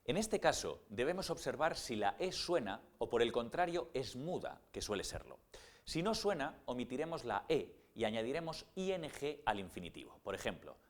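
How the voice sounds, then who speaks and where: A man reads a scripted grammar lesson and walks through each rule step by step. His voice moves a lot in pitch and rises and falls as he teaches. He slows down for the example words and spells some of them out. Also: very animated. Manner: explains rules step by step, with slow spelled-out English example words.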